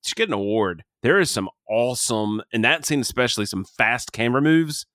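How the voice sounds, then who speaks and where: Hiccuping his way through a casual review of a film he just saw, a man rambles, interrupts himself, and stays candid. He sounds medium-pitched, expressive, brisk, and a bit bright, in a clean studio recording without echo.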